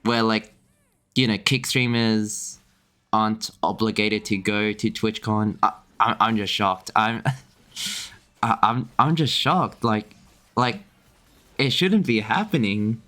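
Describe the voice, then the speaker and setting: A man's voice: fairly low pitch, slow pace, pushed and bright. A young man streaming a game, chatting casually and rambling with lots of fillers, restarts and little chuckles. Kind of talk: casual chat while gaming.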